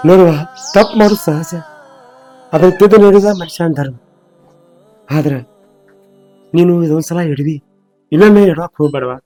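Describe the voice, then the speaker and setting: A man's voice: fairly high pitch, normal speed, pauses often, warm tone, soft background music, lightly acted. A man playing a stern old village father-in-law with a North Karnataka accent, scolding and then lecturing. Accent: North Karnataka Kannada. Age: older. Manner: scolding then forgiving, preachy. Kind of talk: village comedy-drama acting.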